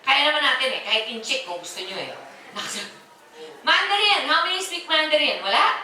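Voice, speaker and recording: High-pitched and sing-song, this Filipino-accented woman in her forties moves briskly through a live product pitch with a sharp tone, chatting, teasing, and pulling answers from her audience. The recording catches her from far off in an echoey hall, with faint ambience and a little hiss or hum.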